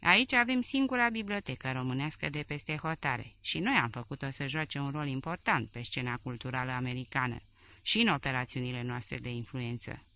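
A woman's voice: a bass voice, sharp tone, heavily acted. A woman voicing an aging male head of state who barks orders and rants indignantly. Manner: barking, indignant.

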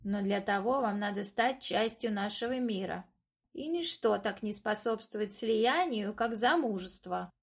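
A woman voicing Baba Yaga, a sly, boastful and touchy old witch, speaking slowly with drawn-out emphasis. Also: mid-range voice, vocal fry, breathy edge. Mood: scheming.

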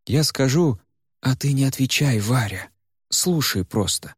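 A man voicing a protective male fire spirit in a measured, steady way. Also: medium pitch, slightly rough, dry recording, clean studio sound, pitched above the performer's own voice. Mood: solemn. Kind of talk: audiobook character voice.

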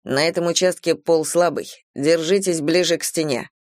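A woman doing a hushed, teasing young man. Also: deep voice, moderate pace, no echo, clean studio sound, close to an everyday voice. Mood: cautious.

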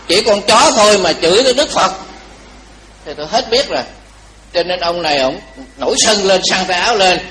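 Lively monk storyteller. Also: male voice, high voice, a little hiss or hum, low-quality recording. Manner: animated storyteller, teasing the audience with rhetorical questions. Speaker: Buddhist monk. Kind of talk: dharma talk with storytelling.

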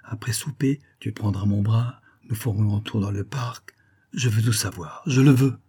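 A man voicing an earnest young nobleman who speaks gravely and insistently to his younger sister in an audiobook. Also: lowish voice, steady tone, normal speed, dark tone. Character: earnest young nobleman, protective older brother.

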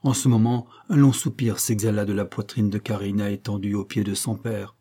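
Man narrating a classic tale, dark mellow voice. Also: on the low side, steady tone, fairly quick, husky. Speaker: audiobook reader. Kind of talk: scripted narration of a classic novella.

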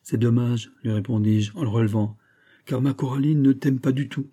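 A man voicing a grieving old gunsmith, dark and husky. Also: mid-range voice, steady tone, normal speed, natural voice. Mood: sorrowful. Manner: emotional, confiding storytelling. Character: grieving old Genevan gunsmith, tender, despairing.

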